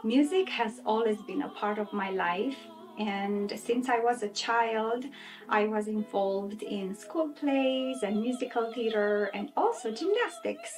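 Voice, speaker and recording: This guest singer, a soprano from Romania in her thirties and a non-native speaker, answers interview questions and records an intro, filling pauses and restarting often. She sounds highish, animated yet unhurried and slightly mellow, over soft music on a low-quality recording.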